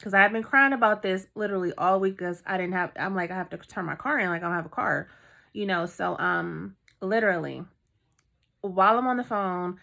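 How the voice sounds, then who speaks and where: Woman vlogger, casual story time, chatty and heartfelt, gravelly edge, mid pitch. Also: brisk, pushed and bright. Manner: heartfelt, chatty, full of fillers.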